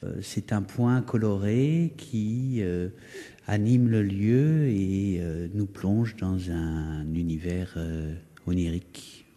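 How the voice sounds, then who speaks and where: Man, interviewed artist, lowish pitch, slow halting delivery, repeated starts, echoey interior. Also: mellow. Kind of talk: spoken interview, explaining their work. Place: indoor hall of a townhouse. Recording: echoey, resonant building interior.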